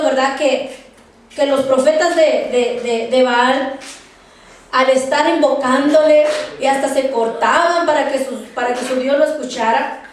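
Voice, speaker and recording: High-voiced woman teacher in an echoey room. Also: a little hiss or hum. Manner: halting, repeats words, tags phrases with "¿verdad?"; spells words out slowly for note-taking. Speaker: Bible class teacher. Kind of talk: Bible study lecture. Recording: very echoey room, distant mic.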